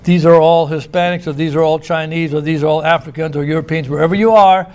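A man's voice: on the high side, steady tone, fast talker, darkish tone, clean tone. A man preaching a sermon in a church, conversational, with asides and restarts. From United States.

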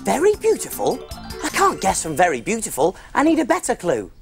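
A jolly big cook. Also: male voice, sits high, huge pitch swings, brisk, creaky, slightly rough, faint music behind, heavily acted. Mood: cheery. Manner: jolly, teasing, exclamatory. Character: big friendly male cook. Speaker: children's TV presenter. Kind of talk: children's TV acting.

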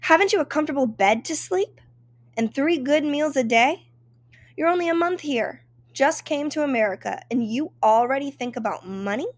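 A woman's voice: high voice, lively intonation, moderate pace, no room sound, pitched above the performer's own voice. A woman putting on a cold, scornful employer. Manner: scolding, contemptuous questions.

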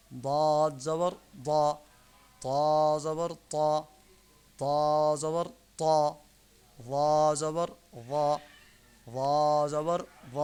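This is a smooth, somewhat high male voice teaching Quran reading in an online live broadcast. The lesson focuses on Arabic letters. He patiently says each syllable again and again for learners to copy.

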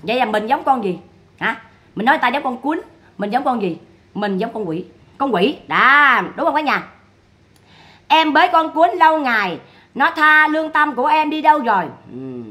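A woman's voice: high-pitched, big pitch swings, moderate pace, fairly bright tone. A woman giving scornful livestream commentary on online drama, firing repeated rhetorical questions.

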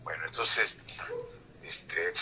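Over a tinny, faintly hissing phone line, an older poet speaks very slowly in a low, bright, forceful voice. As a guest in this phone-in interview and poetry reading, he recites verse with whispered refrains before talking about his books.

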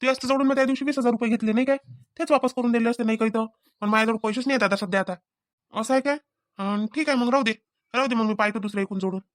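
A woman voices a young cartoon husband, in a somewhat high voice. He talks fast, pleading and questioning. The sound is dry. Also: steady tone, no echo, lightly acted. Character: young husband short of money.

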